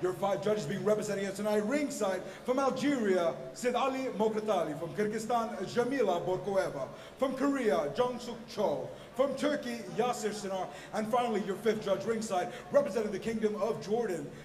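A middle-aged man working as a ring announcer, introducing a bout grandly with booming, theatrical, stretched words. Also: lively intonation, moderate pace, few pauses, darkish tone. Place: boxing ring in an indoor arena. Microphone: handheld microphone. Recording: echoey arena PA with long reverb.

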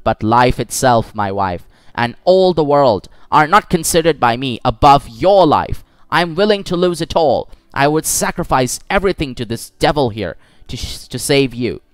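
A man's voice: mid-range voice, expressive, normal speed, clear, resonant tone, dry recording, lightly acted. A man reading the lines of a loyal young man who speaks with anguish about his friend. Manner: anguished, pleading.

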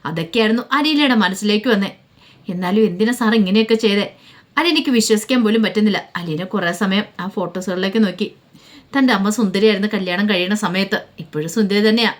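A woman narrates a family drama as a daily storyteller. Her telling is plain and conversational, with an even middle voice. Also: medium pitch, quick pace.

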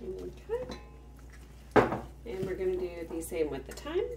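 A woman's voice: fairly low pitch, wildly swooping pitch, a little slow, creaky, distant mic, heavy background noise. A woman hosting a cook-with-me video, explaining each step at an easy pace while she works in her home kitchen. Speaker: home cook, farmstead channel host. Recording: roomy kitchen sound from off-mic.

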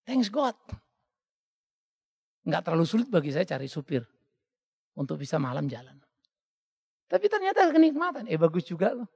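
A male pastor preaching a sermon in an animated way, often acting out the voices of the people he quotes. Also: sits high, creaky, slightly rough, in a large hall. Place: church hall.

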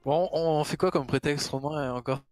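A man's voice: fairly high pitch, normal speed, a little mellow, no echo, soft background music. A young man playing in an online role-playing game, chatting in casual slang. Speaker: role-play player.

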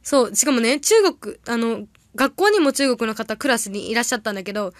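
Chatty high-voiced young woman livestreaming. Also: no echo. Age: young adult. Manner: chatty, rambling, quick reactions to comments. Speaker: idol audition candidate livestreaming. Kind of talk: casual livestream chat reading viewer comments.

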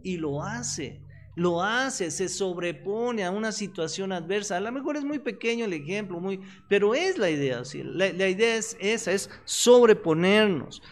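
A man's voice: high voice, normal speed, a little hiss or hum. A man preaching on the radio with a Mexican Spanish accent, telling stories and acting out the voices of the people in them. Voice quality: animated storyteller who acts out quoted voices. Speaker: pastor and radio host. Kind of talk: radio sermon. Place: radio studio.

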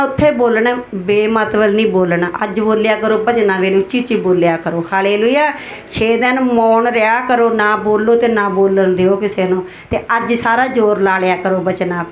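A woman's voice: medium pitch, slight background noise. Exhorting woman pastor, echoey hall. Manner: repeats hallelujah between phrases, exhorting. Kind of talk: sermon.

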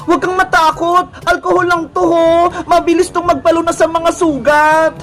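A woman's voice: extremely high pitch, little pitch movement, normal speed. A woman doing a caring little girl. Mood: reassuring. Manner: bossy but reassuring. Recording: music playing behind.

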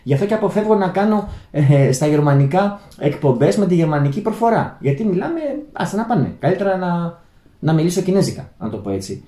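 A man's voice: a little high, sing-song, mellow, roomy sound. A Greek man talking unscripted to his viewers, rambling with many restarts and calling out to his friends. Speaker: channel host. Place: Germany, indoor room.

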